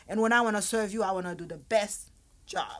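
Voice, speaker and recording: A woman from Haiti chats as a guest about her restaurant, easygoing and talkative. She often restarts and repeats words mid-sentence. Her voice sits at an ordinary middle pitch. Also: brisk, a bit bright. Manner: chatty, repeats words, tells little stories. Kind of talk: casual interview chat.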